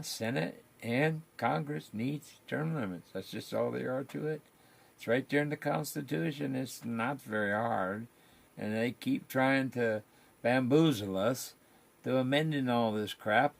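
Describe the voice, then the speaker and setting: A man's voice: mid-range voice, creaky. An older man, chatting casually and rambling in folksy, colloquial talk on his live stream.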